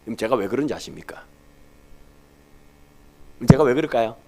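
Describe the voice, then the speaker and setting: A middle-aged man, a pastor telling a personal family story in his sermon, animated and swinging between soft and loud. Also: mid-range voice, a little fast. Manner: animated, swings from soft to loud, playful baby talk in quotes.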